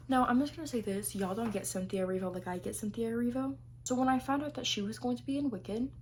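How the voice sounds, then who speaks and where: A young woman talks casually to her viewers, gushing and rambling with lots of "like" and restarts. Her pitch sits in an ordinary middle range. A faint hiss of background noise runs under her voice. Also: darkish tone. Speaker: vlogger. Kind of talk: casual year-favorites chat.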